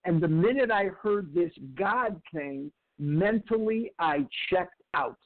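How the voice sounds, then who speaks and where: A man in his sixties tells his own recovery story in a candid, emphatic way, circling back over phrases. His voice sits a little high for a man. The sound is narrow and tinny, as if heard down a phone line. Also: takes it slowly. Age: 60s. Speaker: recovery speaker. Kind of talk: personal recovery share.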